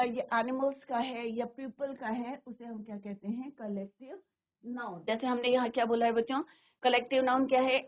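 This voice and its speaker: A woman with a Hindi accent teaching an English lesson to a class. She keeps asking the students questions, answers them herself and says each English example slowly. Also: on the high side. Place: studio. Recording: tinny phone-like broadcast.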